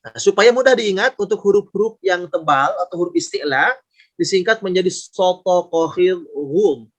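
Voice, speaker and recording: High-voiced man teaching recitation patiently. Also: lively intonation, fairly bright tone. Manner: patient, demonstrates sounds slowly and repeats them. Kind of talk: online tajweed lesson. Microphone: video call.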